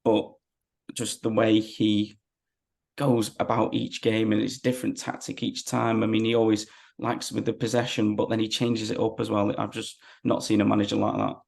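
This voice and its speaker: A man's voice: fairly low pitch, flat delivery, moderate pace, vocal fry, a little mellow. A man, chatting casually as a football fan being interviewed.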